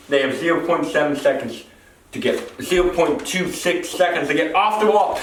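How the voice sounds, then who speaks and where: A man's voice: fairly high pitch, a bit bright. A man giving an improvised explainer in a warehouse, rambling, repeating phrases and correcting himself as he goes. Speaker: presenter. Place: large echoing warehouse. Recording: echoey warehouse, distant mic, faint noise.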